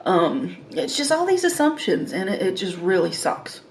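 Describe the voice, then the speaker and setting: A woman's voice: mid-range voice, very animated, moderate pace, a little hiss or hum, low-quality recording. A woman chatting casually as a mukbang host, eating and savoring her food as she talks. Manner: eating while talking, with savoring mms between phrases. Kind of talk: casual eating-show chat.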